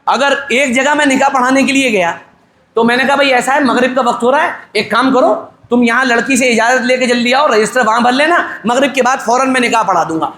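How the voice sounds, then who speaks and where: A man's voice: extremely high pitch, sharp tone, reverberant. A middle-aged male cleric giving a conversational wedding sermon, full of humor, rhetorical questions and acted-out dialogues. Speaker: Islamic cleric officiating a wedding.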